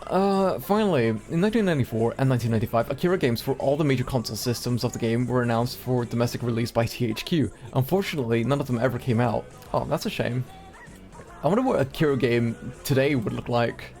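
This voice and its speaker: A man's voice: mid-range voice, quick pace, darkish tone, soft background music. Casual male streamer reading aloud. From Singapore. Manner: casual, chatty asides between readings.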